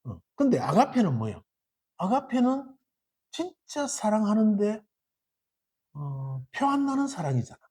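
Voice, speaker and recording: A man with a Gyeongsang accent giving a Buddhist sermon in a dharma hall, lively and quizzing his listeners with rhetorical questions. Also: high voice, unhurried, pauses often, breathy edge. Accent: Gyeongsang Korean.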